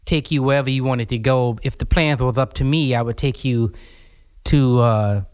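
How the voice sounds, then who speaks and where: A man playing bachelor on a dating show, sweet-talking in a suave, deliberately seductive way. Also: medium pitch, steady tone, a little mellow, clear, resonant tone. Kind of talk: game show banter.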